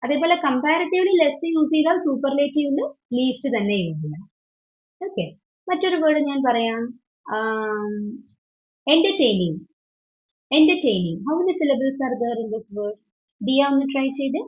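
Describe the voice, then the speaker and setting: This woman's high-pitched voice swings widely in pitch, and she keeps a measured pace as she runs an online English grammar lesson. Patient and inquisitive, she often switches into English during her explanations, heard over muffled, low-fidelity call audio.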